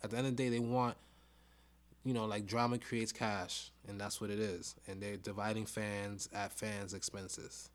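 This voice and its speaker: A man's voice: fairly low pitch, level tone, moderate pace. A man hosting a casual fan podcast from his home basement, talking bluntly and informally with some swearing. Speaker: podcast host. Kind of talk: casual, profane fan discussion.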